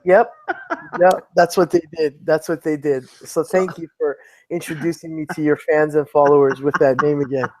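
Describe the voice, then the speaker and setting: A man's voice: on the high side, fairly even intonation, normal speed, darkish tone, no room sound. A man in his thirties, a guest on a chat show, joking and self-deprecating in easy banter. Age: 30s. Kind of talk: casual chat.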